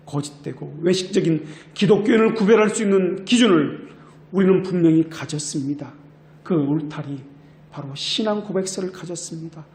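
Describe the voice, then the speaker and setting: A man's voice: fairly high pitch, darkish tone, roomy sound. A male pastor preaching a sermon with earnest exhortation. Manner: earnest exhortation, quotes people in a mocking voice. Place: church.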